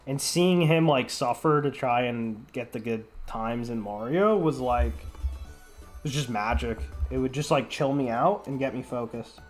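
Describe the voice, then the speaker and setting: A man's voice: mid-range voice, unhurried. Young male streamer, sick, rambling profane chat over faint background music. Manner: rambling, heavy filler words, profane. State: sick, congested.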